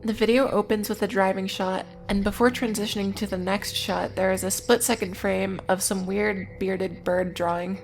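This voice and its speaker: A woman's medium-pitched, creaky voice carries scripted video essay narration over music, with fairly even intonation and little rise and fall. She speaks at normal speed with hardly any pauses, keeping things informal and adding wry asides as she recaps.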